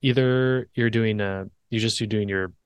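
A podcast host with a lowish voice, musing aloud and circling back on his words as he builds a point. The recording is dry and close, without any room echo. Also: fairly even intonation, moderate pace, smooth. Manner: thoughtful, rambling with restarts. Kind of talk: casual interview chat.

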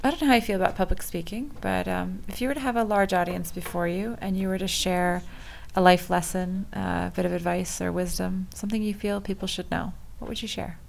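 A woman's voice: lowish voice, steady tone, brisk, gravelly, hardly any pauses, slight background noise. A woman hosting a podcast, asking reflective interview questions and affirming her guest. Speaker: podcast host.

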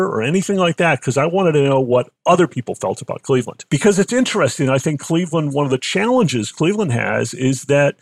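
A man's voice: on the high side, vocal fry, no room sound. An older man with a Boston accent tells stories in an interview in a conversational, discursive way, repeating phrases for emphasis. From Boston, United States. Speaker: company founder being interviewed.

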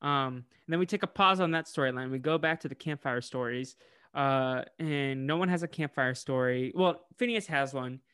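A man's voice: medium pitch, normal speed, clear, resonant tone, dry recording, studio quality. An American man co-hosting a podcast, recapping an episode in casual chat and acting out the characters' lines. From United States. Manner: animated, acts out character lines. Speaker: podcast co-host.

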